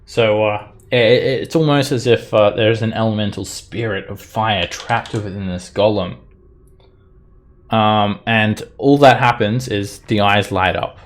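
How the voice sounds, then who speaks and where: A man running an online tabletop game as game master, narrating casually with halting, improvised phrasing. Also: on the low side, fairly even intonation, a little hiss or hum.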